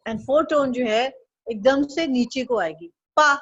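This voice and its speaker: A woman's voice: sits high, measured pace, darkish tone, husky, no room sound, lo-fi sound. A woman teaching an online Chinese lesson, patiently drilling syllables and tones for the student to repeat.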